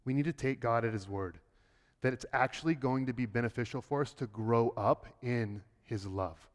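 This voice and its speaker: Here a man delivers a sermon at normal speed in his role as pastor. His voice rises into loud, high bursts, then drops to hushed lows, and he tends to repeat words at the start of a thought. The recording has long hall reverb.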